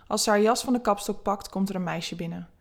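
Soft-spoken woman reading erotic stories. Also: medium pitch, quick pace, creaky. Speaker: narrator.

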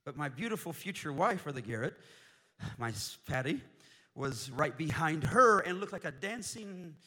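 A man preaching a sermon as a missionary, telling a humorous story in a jokey, animated way with sudden loud bursts. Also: fairly high pitch, normal speed, husky.

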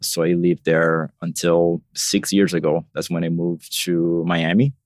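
A Brazilian marketing lead guests on a podcast, answering casually and thoughtfully with plenty of "you know" and "like." His deep voice is flat and measured, recorded with clean, dry studio sound.

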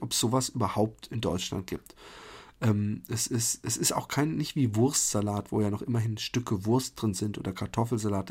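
A man from Germany hosts a casual podcast monologue. His voice sits a little low with a breathy, husky edge. He talks in a chatty, meandering way, stopping often for fillers and self-corrections. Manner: chatty and rambling, with many fillers and restarts. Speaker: podcast host.

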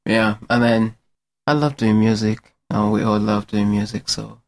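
A man's voice: on the low side, flat delivery, measured pace, creaky. A man from Uganda, a musician guest, who answers in a hesitant way with many fillers.

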